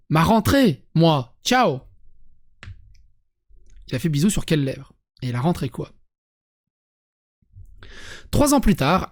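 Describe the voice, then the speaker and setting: A streamer with a French accent reading an article aloud to viewers, breaking off for lively, sarcastic asides and restarts. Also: mid-range voice. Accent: French (France).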